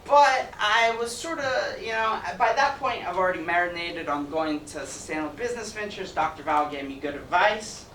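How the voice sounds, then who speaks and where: A man's voice: high-pitched, lively intonation, moderate pace, hardly any pauses, bright, forceful tone. A young man from Ecuador giving an upbeat, jokey student presentation to an audience. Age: young adult. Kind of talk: presentation talk. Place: event hall with audience. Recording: roomy, distant mic, noisy.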